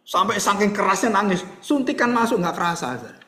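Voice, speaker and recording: A man's voice: fast, roomy sound. A male pastor preaching a sermon, telling stories animatedly and acting out their voices, then leading a prayer. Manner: animated storytelling, acts out voices with high pitch.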